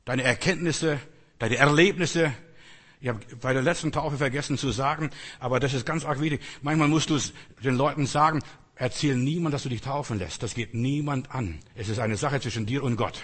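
A man's voice: medium pitch, fairly quick, fairly bright tone, slightly rough. An older man preaching a sermon, earnest and emphatic with rising outbursts. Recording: long reverb in a hall.

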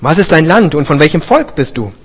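A man's voice: fairly high pitch, very animated, a little fast, slightly rough. Frightened sailors caught in a storm , spoken by a male reader, raised and pleading. Their questions tumble out with fear in a storybook scripture telling. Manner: pleading, fearful.

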